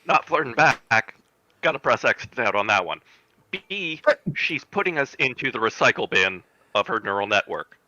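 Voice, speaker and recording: A man's voice: lowish voice, expressive, normal speed, pushed and bright, no echo, dull audio. A man playing a tabletop game, talking in casual, joking banter.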